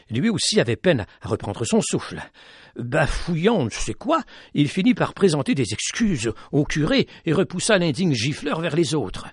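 A man narrating a tale in an expressive, dramatic reading style. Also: mid-range voice, husky, no room sound, studio quality. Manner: dramatic, rising with tension. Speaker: storyteller.

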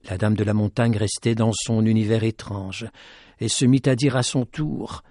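A man narrating a tale in an expressive, dramatic reading style. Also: fairly low pitch, normal speed, no echo, studio quality. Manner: dramatic, rising with tension. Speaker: storyteller.

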